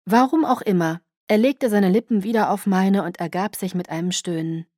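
A woman narrating a first-person audiobook in a soft, intimate and emotional way. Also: mid-range voice, normal speed, no echo, clean studio sound. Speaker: audiobook reader.

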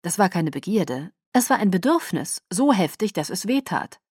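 A woman narrating a first-person audiobook in a soft, intimate and emotional way. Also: fairly low pitch, sing-song, normal speed, slightly rough, no room sound, studio quality. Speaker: audiobook reader.

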